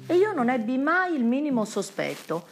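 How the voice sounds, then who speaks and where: A woman teacher reading a translated text aloud and explaining it in a lively way, often checking in with her listeners with a quick question. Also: high-pitched. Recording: clear music playing behind the voice.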